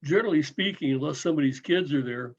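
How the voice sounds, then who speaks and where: A man in his seventies sharing lively anecdotes about drumming on a video call. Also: a little high, fast talker. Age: 70s. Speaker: drum corps member. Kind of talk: casual video call chat. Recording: dull lo-fi call audio.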